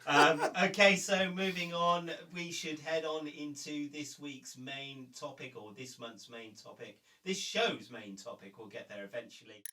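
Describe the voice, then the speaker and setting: A man's voice: fairly high pitch, unhurried, hardly any pauses, distant mic, crowd noise. A man hosting a casual studio chat show, hesitant and full of fillers, joking at his own expense and saying he is losing his voice. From England. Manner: hesitant, filler-heavy, self-deprecating. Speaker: host.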